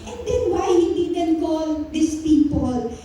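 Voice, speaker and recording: A Filipina woman pastor delivers an animated sermon, switching between Tagalog and English. Her voice sits high and mellow, and she takes her time. The sound is heavily echoey, picked up from a distance in a church hall. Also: slow pace, slight background noise. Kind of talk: Taglish sermon.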